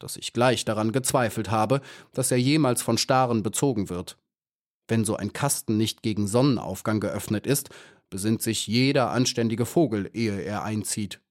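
A man's voice: on the low side, lightly acted. Doubting old centipede, read by a man. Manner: pedantic, forever doubting. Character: fussy, doubting male centipede. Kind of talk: audiobook character voice.

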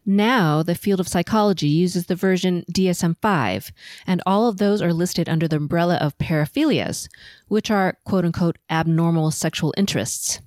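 A middle-aged woman from Los Angeles hosting a solo podcast, telling her life story in a measured, composed, prepared way. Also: on the low side, darkish tone, no echo, studio quality. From Los Angeles, USA. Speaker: podcast host. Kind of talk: autobiographical solo podcast narration.

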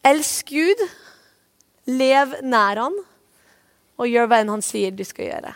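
A woman's voice: on the high side, lively intonation, gravelly. A woman pastor preaching in an earnest, heartfelt way. She repeats short phrases to drive her points home and moves into spoken prayer. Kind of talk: sermon.

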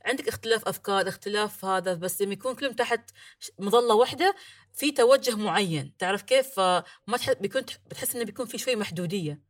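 A woman's voice: medium pitch, expressive. A woman podcast host, chatting casually in a bubbly, teasing way. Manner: fast, bubbly, teasing, laughs often.

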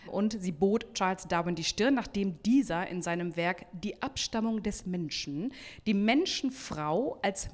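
Woman podcast co-host, live audience, lively retelling, average pitch, long hall reverb. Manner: animated retelling, hesitant fillers. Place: hotel event space with audience.

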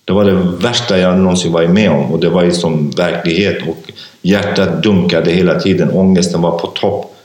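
Casting: man with a very deep voice, halting testimony, recorded in a reverberant room. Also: steady tone, darkish tone. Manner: halting, many fillers and restarts. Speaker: interview guest, author. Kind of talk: personal testimony in an interview. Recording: echoey room.

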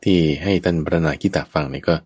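A man's voice: low voice, fast talker, a little mellow, dry recording. A man, a Buddhist monk teacher, explains the teaching patiently and keeps checking that his listener understands. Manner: acts out others' speech in a raised voice. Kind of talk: dhamma teaching dialogue.

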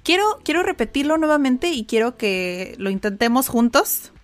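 A woman's voice: sits high, sing-song, normal speed, soft background music. Chatty woman teacher, laughs often. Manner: chatty, laughs often, repeats words for drilling. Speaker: English teacher and podcast host. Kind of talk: casual reaction lesson.

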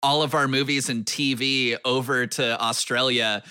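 Bright-voiced man co-hosting a podcast. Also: mid-range voice, steady tone, normal speed, smooth, dry recording. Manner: informative, lays out facts and trivia. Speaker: podcast co-host. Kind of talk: casual podcast chat.

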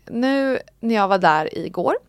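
A young woman chatting casually and candidly, acting out quoted lines with sudden pitch jumps. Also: expressive. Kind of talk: casual chat.

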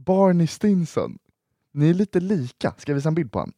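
A man's voice: a little high, big pitch swings, dark tone, no room sound, studio quality. A young man co-hosting a podcast, chatting casually in a playful, teasing way. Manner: playful, teasing, jumpy delivery. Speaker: podcast co-host. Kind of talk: casual chat.

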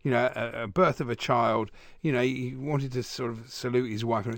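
A man's voice: medium pitch, fairly even intonation, moderate pace, creaky, a bit bright, no echo. A man co-hosting casual sports radio, conversational and opinionated, close to a studio microphone. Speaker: radio co-host.

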